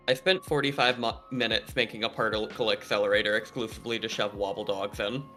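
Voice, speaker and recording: A bubbly, playful man chats with friends on a live stream, his voice bright and forward. Soft music plays faintly in the background. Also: on the low side, steady tone, moderate pace. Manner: bubbly, laughs often, playful. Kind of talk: casual chat on a group stream.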